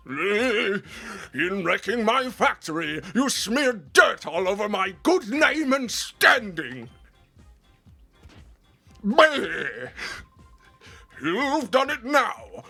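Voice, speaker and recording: A brutish, gorilla-like villain boss rants in a strained, sharp shriek, as a man puts him on for a game dub. He stretches every word slowly and loudly, pitched far above an everyday voice. His fury never lets up. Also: full character voice. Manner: shrieking, drawn-out ranting.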